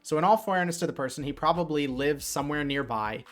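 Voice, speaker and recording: A man casually retelling a night fishing trip in a chatty, animated way, with lots of fillers. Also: fairly high pitch, quick pace. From New Jersey. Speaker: streamer. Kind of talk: casual storytelling.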